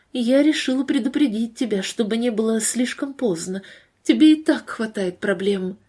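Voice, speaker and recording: A woman's voice: fairly high pitch, dark tone, slightly rough. Woman reading as an earnest young female friend. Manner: earnest, warning.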